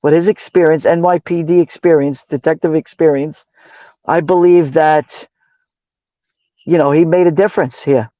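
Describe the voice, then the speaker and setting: A man's voice: fairly high pitch, fairly even intonation, moderate pace, mellow, no echo, muffled recording. A man from New York with a Brooklyn accent, chatting casually and earnestly as a livestream co-host, repeating phrases for emphasis. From New York City, raised in Brooklyn. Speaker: livestream moderator and cameraman co-host.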